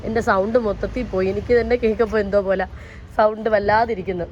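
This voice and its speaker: A woman with a medium-pitched, fairly even, slightly mellow voice talks fast as she casually shows off her plants and urges viewers to order. She's a plant seller at a nursery, and the sound is muffled with slight background noise.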